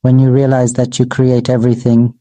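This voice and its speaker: Flat, dark-voiced monk giving a sermon. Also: male voice, mid-range voice, no room sound, rough recording. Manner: slow, measured, repetitive incantatory phrasing; addresses his own voice as "Mister Voice". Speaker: Buddhist monk. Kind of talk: Buddhist dharma sermon.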